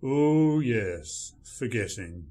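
A man's voice: mid-range voice, expressive, extremely slow, mellow. A man playing a grumpy male writer, dry, sarcastic and dismissive in a radio play. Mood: sardonic.

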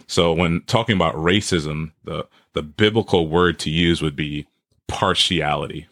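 A man in his thirties, from Trinidad and raised in Brooklyn, speaks as a guest pastor. He explains things earnestly in a very low voice. The sound is dry and close. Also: fairly even intonation, a little slow, fairly bright tone, dry recording. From Trinidad, raised in Brooklyn, New York. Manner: earnest, explanatory, laughs easily. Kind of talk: podcast interview.

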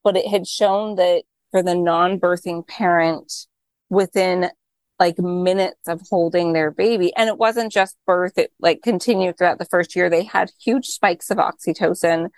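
Low-voiced woman host, dry sound. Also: fairly even intonation, moderate pace, clear, resonant tone, no echo. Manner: enthusiastic, praising, thinks aloud. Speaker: podcast host. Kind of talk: conversational interview.

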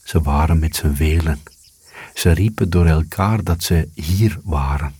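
Slow, deep-voiced male storyteller. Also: slightly rough, no echo. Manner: calm, even, unhurried reading. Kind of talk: scripted storybook narration.

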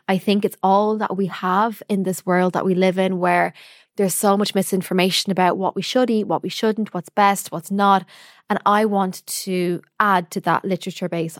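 A British woman, a dietitian, hosts a solo podcast and speaks directly to the listener in an earnest, emphatic way. Her voice is medium-pitched, recorded on a close mic with no echo.

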